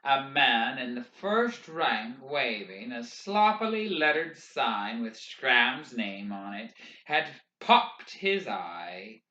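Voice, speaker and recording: A man reading a novel aloud in expressive, measured audiobook narration. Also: mid-range voice. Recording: roomy, dull lo-fi recording.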